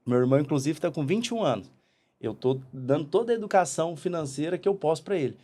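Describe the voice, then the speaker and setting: Animated Brazilian man hosting a podcast. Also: a little high. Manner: animated, repeats words, quick bursts. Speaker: podcast host. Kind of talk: casual podcast chat.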